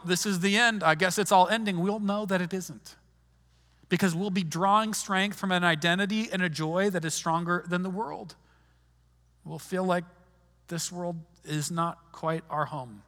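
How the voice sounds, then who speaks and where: A pastor with a high, slightly bright voice preaches at a normal pace, keeping the sermon conversational and often restarting his sentences. The recording carries a long reverb from the large hall he's in.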